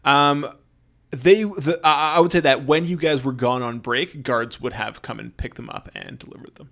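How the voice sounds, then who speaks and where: A man's voice: mid-range voice, normal speed, vocal fry, a bit bright. A man acting as game master in a tabletop game, talking hesitantly with many fillers and restarts.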